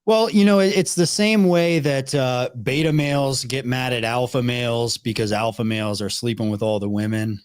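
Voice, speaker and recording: A man's voice: medium pitch, steady tone, moderate pace, hardly any pauses, clear, resonant tone, no echo, clean studio sound. A man hosting a live call-in advice show over a video call, opinionated and hesitant. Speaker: host.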